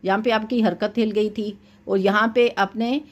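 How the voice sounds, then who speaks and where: A woman teaching Quran recitation rules, explaining each point patiently and chanting verses slowly to demonstrate. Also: mid-range voice, steady tone. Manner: often checks in with "thik hai". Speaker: tajweed teacher. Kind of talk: Quran recitation lesson with corrections.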